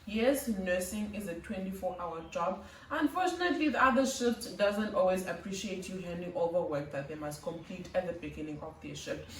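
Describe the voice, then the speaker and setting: A woman's voice: fairly low pitch, normal speed, slight background noise. Young woman giving earnest nursing advice. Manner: earnest, instructive, lists tasks. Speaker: nursing student vlogger. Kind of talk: advice vlog talking to camera. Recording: roomy, slightly distant mic.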